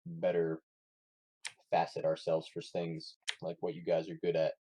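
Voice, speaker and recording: A man playing a tabletop game with friends, relaxed and plainspoken. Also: sits low, measured pace, slightly rough. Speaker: player. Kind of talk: casual game chat.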